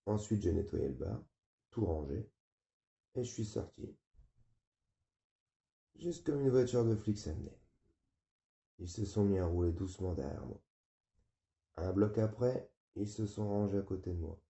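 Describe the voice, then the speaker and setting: A man with a deep, gravelly voice reads a novel aloud in a flat, weary first-person tone. His sound is dark and mellow. It comes through muffled, with a roomy echo. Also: a little slow, pauses often. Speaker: audiobook reader. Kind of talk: novel reading.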